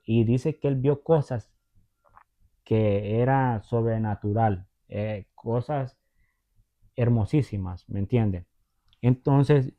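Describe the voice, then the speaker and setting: A man giving a conversational Bible teaching who retells stories and often checks in with his listeners through tag questions. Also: on the low side. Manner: retells stories, acting out the voices. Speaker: preacher. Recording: tinny phone-like sound.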